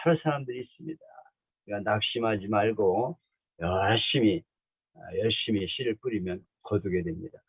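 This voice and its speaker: A pastor, a man of some years, preaching a sermon through lively, colloquial stories. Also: low-pitched, slightly rough, no echo. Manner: animated storytelling, colloquial. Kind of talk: sermon with anecdotes. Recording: tinny phone-like, dry.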